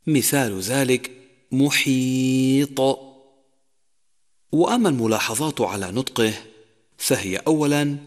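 Man teaching tajweed in reverberant sound. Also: medium pitch. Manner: measured, numbered points, slowed sung examples. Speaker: Quran recitation teacher. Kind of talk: scripted tajweed lesson narration. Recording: long reverb, echoey.

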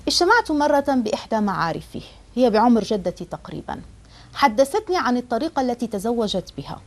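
A woman's voice: a little high, very animated, fast. A woman teaching a religious lesson. She explains in an earnest way and often restarts a phrase.

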